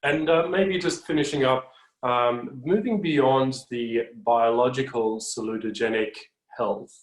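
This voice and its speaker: A man's voice: mid-range voice, measured pace. A man hosting an interview, affirming his guest and asking lofty questions with hesitant fillers. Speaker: interview host. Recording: roomy echo.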